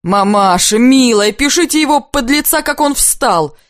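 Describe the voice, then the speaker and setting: A wildly excited young painter, as a woman reader puts him on, bursts out in frantic exclamations, almost in tears. His voice pitches up high and the sound is dry and close, with no room around it. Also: moderate pace, no room sound, close to an everyday voice. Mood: frantic, rapturous. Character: excitable young male painter, shouting in rapture.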